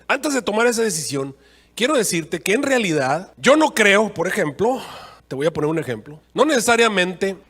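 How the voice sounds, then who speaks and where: A man's voice: sits high, sing-song, normal speed, a bit bright, husky. A man with a Mexican accent preaching a sermon as a pastor, in a folksy, joking, conversational way.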